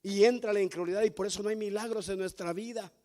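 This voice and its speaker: A male pastor preaching a sermon, telling stories and building to loud emphatic peaks. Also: high-pitched, steady tone, quick pace. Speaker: founding pastor.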